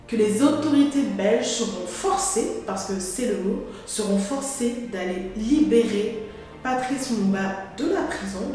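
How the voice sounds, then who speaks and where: A woman narrates a history lesson, speaking straight to her viewers and telling the story clearly. Her voice rings through a very echoey room, with soft music playing faintly underneath. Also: medium pitch. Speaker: history explainer. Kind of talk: educational narration to camera.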